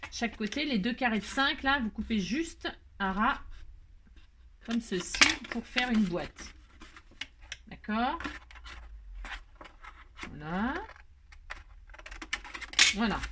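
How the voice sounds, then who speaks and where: A woman's voice: fairly high pitch, heavy background noise. Chatty woman teaching a craft. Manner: chatty, self-mocking, asks "hein?" and "d'accord?" often. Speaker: crafting tutorial host. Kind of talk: casual step-by-step crafting tutorial.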